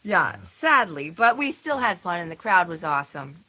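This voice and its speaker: Casual chat about previous gigs fills this livestream recap, where a woman in the band co-hosts with laughs and filler words. Her lowish voice swings widely in pitch, sounds pushed and bright, and keeps a normal speed.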